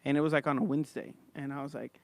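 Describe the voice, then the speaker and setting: A man's voice: medium pitch, level tone, racing, creaky, no echo. A man hosting a podcast in a casual, informal chat, talking like he's among his bros. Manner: informal, says man and bro often. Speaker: podcast host.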